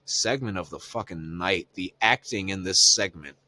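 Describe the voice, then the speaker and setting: A man co-hosts a podcast in relaxed, profane casual chat, recapping the week's wrestling. His voice sits very low, and he talks loosely, with plenty of ums and "you know"s. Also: moderate pace. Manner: loose and profane, lots of fillers. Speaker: podcast co-host.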